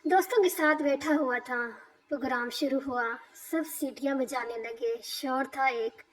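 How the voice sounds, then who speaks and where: High-voiced woman telling a story. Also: unhurried, rough recording. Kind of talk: scripted first-person story narration.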